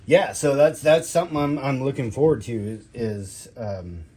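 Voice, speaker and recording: A man giving a casual, rambling gear review in a halting way, drawing out his words and trailing off. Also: medium pitch, darkish tone, a little hiss or hum. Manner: halting, drawn-out delivery with trailing phrases. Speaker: product reviewer, military veteran.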